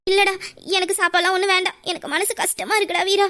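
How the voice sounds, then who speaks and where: A woman's voice: very high voice, little pitch movement, fast talker, fairly bright tone. A woman voicing a remorseful young woman in an audio drama who pleads through tears and confesses a secret plan for revenge. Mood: tearful. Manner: sobbing, pleading, guilt-ridden. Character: tearful young woman hiding a revenge scheme. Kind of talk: emotional audio drama acting.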